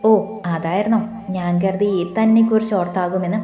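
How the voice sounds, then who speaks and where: A woman voicing a gruff but caring young husband in a romantic audiobook, low, teasing and offhand. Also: fairly even intonation, brisk, dark tone, dull audio, lightly acted. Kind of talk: audiobook dialogue reading. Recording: roomy with faint music.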